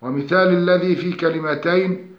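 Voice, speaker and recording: Male recitation teacher, scripted and methodical, fairly high voice, muffled lo-fi sound. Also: steady tone, normal speed. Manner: methodical, lists rules point by point. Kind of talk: scripted tajweed lesson. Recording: roomy, dull lo-fi recording.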